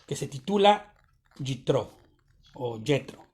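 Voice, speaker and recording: A man's voice: high-pitched, animated, moderate pace, a little mellow. A man giving a conversational sermon on a Torah portion to his congregation, often checking in with short tag questions. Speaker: congregation teacher.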